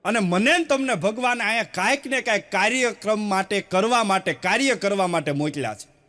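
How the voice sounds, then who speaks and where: A man's voice: high voice, animated, a little fast, sharp tone. A man telling folk jokes on stage, acting out the dialogue and laughing along. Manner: acts out dialogue, laughs along, drawls some lines. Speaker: stand-up comedian. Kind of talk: Gujarati folk comedy storytelling.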